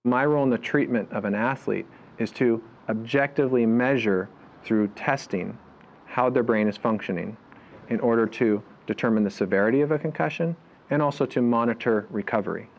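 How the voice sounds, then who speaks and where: A man who tests athletes for concussions, explaining his work clearly and patiently. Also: medium pitch, brisk, muffled recording. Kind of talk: interview and explaining results.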